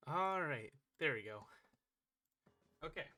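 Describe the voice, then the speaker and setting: A man's voice: fairly high pitch, bright, forceful tone. A man streaming live, chatting casually and counting his exercise reps aloud while catching his breath.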